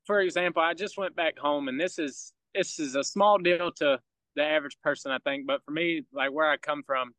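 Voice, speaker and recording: Here a baseball player appears as a podcast guest, a young Georgia man with a rural Southern drawl who spins relaxed yarns in casual interview chat, laughing frequently. He talks fairly quickly in a higher, pushed, bright voice. The audio is dry and rough.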